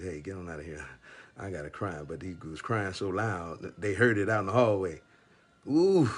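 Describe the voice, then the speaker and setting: A man with a very low, deep voice talks about faith to one listener in a loose, unscripted way. He stops and restarts his sentences and leans on "you know" over and over. He uses plain street-flavored phrasing and chuckles through his stories. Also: breathy edge. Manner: rambling and halting, with constant "you know" fillers. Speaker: speaker giving spiritual encouragement. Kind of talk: casual faith talk addressed to one listener.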